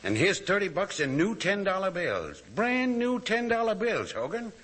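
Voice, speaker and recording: A man's voice: high-pitched, big pitch swings, a bit bright, heavily acted. An actor playing a dim-witted, eager police officer in a 1940s radio comedy, muddled in his words. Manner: slow, muddled.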